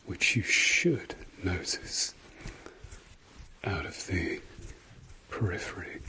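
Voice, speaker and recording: A middle-aged man doing fast whispering ASMR as a whispered role-play, breathy and close, repeating soft words in quick runs while giving instructions. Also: low voice, a little hiss or hum, poor audio. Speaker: ASMR host.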